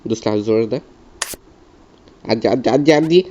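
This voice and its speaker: Egyptian gamer muttering to himself. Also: male voice, mid-range voice, fast, warm tone. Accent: Egyptian Arabic. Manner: mutters coaching to himself, repeats words. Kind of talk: gaming commentary. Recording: dull lo-fi mic, faint noise.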